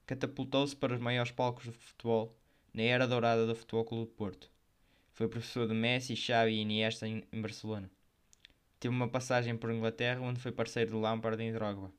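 A man with a European Portuguese accent hosting and narrating football biography in a semi-scripted, measured way. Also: mid-range voice, flat delivery, smooth. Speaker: host of a football history programme.

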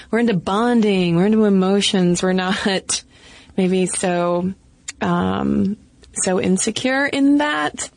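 Woman co-host, creaky voice, dry sound, chatty and hesitant. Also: mid-range voice, no echo. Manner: thinking aloud, hesitant with restarts, chatty. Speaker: podcast co-host. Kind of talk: casual podcast discussion.

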